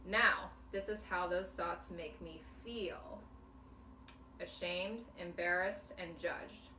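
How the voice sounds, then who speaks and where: In a demonstration counseling session, a calm, patient clinician walks a client through an exercise, clearly explaining every step in a low-ish, slow voice. The mic is distant in a roomy, echoey space, with a faint hiss.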